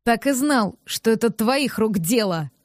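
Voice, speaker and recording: A woman voicing a rough, angry young male neighbor who growls and barks commands in an audiobook. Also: a little high, lively intonation, a little slow, dry recording, clean studio sound. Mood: contemptuous.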